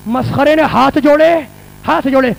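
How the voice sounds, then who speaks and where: A man's voice: extremely high pitch, fairly even intonation, creaky. A male religious scholar preaching a passionate mourning sermon to a gathering in a mosque hall. He repeats his phrases for emphasis and builds toward cries.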